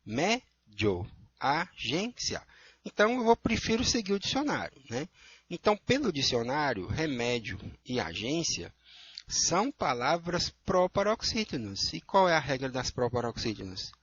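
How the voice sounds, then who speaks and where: A Brazilian man teaching a class, his husky voice sitting a little high and moving a lot. He walks through each answer step by step. The sound is dull and lo-fi in a dry space. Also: big pitch swings, moderate pace, fairly bright tone, dry recording. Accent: Brazilian Portuguese. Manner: explanatory, checks in with frequent "tá?" and "né?". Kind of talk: going over worksheet answers.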